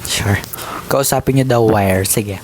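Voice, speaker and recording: A man's voice: on the low side, a little slow. A man chatting casually on a livestream, playful and teasing as he talks straight to his viewers and reads their comments. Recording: steady background noise with clicks.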